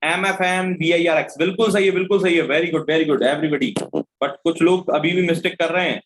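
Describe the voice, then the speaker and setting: A man's voice: on the high side, fairly even intonation, a little fast, a little hiss or hum, low-quality recording. A man teaching an online reasoning class, spelling out letters one by one and scolding students who make mistakes. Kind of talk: online class teaching, mixing Hindi and English.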